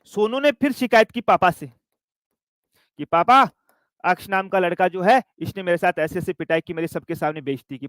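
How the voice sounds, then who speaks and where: A high-voiced male teacher lectures his exam class, weaving in a comic story and slowing down to dictate notes. The sound is close and dry, with no room echo. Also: fairly bright tone. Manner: storytelling, calls students "dear children"; dictates notes slowly with repetition.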